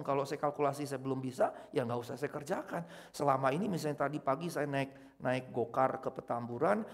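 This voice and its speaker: A middle-aged man preaching a conversational sermon in a church, swinging from loud exclamations to quiet, intimate asides. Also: a little high. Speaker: pastor.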